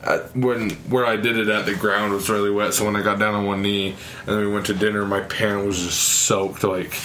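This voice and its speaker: A young man in his early twenties co-hosts a podcast, chatting casually in a rambling, halting way with lots of restarts and frequent laughter. His voice sits fairly low with a level tone, and there's noise in the background.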